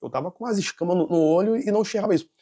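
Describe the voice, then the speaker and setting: High, fast-talking nervous man. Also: dark tone, breathy edge. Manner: rambling, with restarts and self-corrections. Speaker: interview guest giving a testimony. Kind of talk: personal testimony storytelling.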